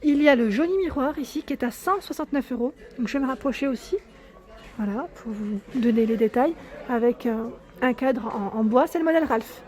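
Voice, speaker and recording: A woman's voice: high-pitched, animated, fairly quick, a little mellow. A woman with a southern French accent chatting enthusiastically through a furniture store walkthrough vlog, full of fillers, filmed indoors on a handheld phone. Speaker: home decor vlogger.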